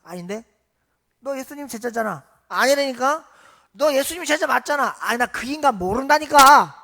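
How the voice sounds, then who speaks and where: A woman preacher putting on an impulsive, hot-tempered man, loud and snappish as he brushes off the people questioning him. His replies jump up and down in pitch. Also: expressive, fairly quick, vocal fry, heavily acted. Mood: defensive. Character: impulsive, hot-tempered male disciple in denial.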